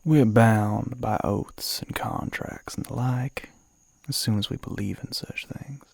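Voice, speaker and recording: In an ASMR roleplay, a man plays a suave, flirty male demon with a Southern American accent and a teasing, coaxing drawl. His mid-range voice is breathy, gravelly and a little mellow, slow and exaggerated, often dropping to a whisper, with a candid, sly mood and no echo.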